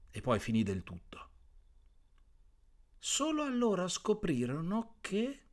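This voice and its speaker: A priest reading a bedtime story aloud to listeners, telling it expressively with big swings in pitch and loudness. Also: male voice.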